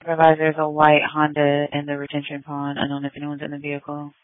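A woman's voice: sits low, completely flat delivery, quick pace, dry recording. A woman working as a police dispatcher, giving clipped, terse calls over a police radio transmission. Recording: tinny narrow-band radio.

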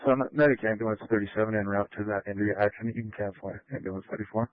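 A man on an ambulance crew reporting en route over a two-way radio in rapid dispatch style. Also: on the low side, steady tone, no echo. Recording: dry, tinny radio transmission.

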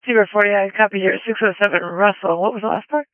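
A male police dispatcher answering over a two-way radio, brisk, reading out vehicle records in radio code. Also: high-pitched, fairly even intonation, dry recording. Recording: tinny dry radio transmission.

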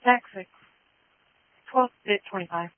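A woman's voice: medium pitch, slight background noise. Woman dispatcher over tinny two-way radio. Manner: brisk, terse, reads codes and addresses. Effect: two-way radio transmission. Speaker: emergency dispatcher. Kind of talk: clipped radio dispatch calls. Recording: narrow tinny radio scanner audio.

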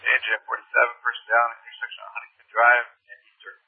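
A man's voice: mid-range voice, completely flat delivery, fast, a little hiss or hum. A man working as a fire dispatcher, calling out units and addresses in clipped, terse radio code over a two-way radio. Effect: police/fire radio. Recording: tinny narrow two-way radio.

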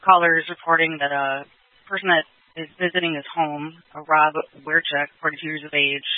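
A man's voice: a little high, flat delivery, brisk. A man working as a police dispatcher, reading out calls and addresses in a clipped, matter-of-fact way over police radio. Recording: tinny dry radio channel.

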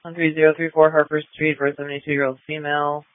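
Brief: male police dispatcher on police radio, quick steady delivery, tinny dry channel. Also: on the high side, dry recording. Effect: police radio transmission. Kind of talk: clipped radio dispatch calls.

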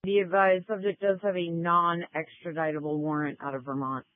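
A man's voice: a little high, little pitch movement, moderate pace, dry recording. A male police dispatcher reading out vehicle and warrant records in clipped, procedural radio talk over a police radio channel. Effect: police radio transmission. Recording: dry, tinny police radio.

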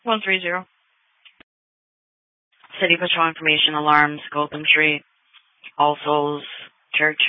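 A woman's voice: sits low, fairly even intonation, measured pace, pauses often, no room sound. A woman working as an emergency dispatcher, giving brief clipped calls over a two-way radio. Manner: brief, clipped call codes. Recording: tinny, dry two-way radio.

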